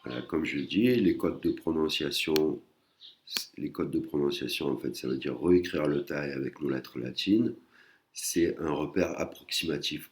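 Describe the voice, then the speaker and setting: Very deep-voiced man teaching. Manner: patient, repeats and rephrases himself. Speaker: Thai teacher. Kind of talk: explanatory online lesson.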